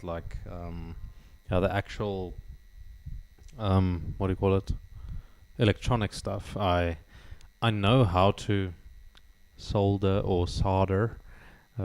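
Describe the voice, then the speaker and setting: A man's voice: deep voice, a little mellow, clear, resonant tone. A man chatting casually with livestream viewers, laughing often, on a studio microphone at home. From South Africa. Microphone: studio dynamic microphone.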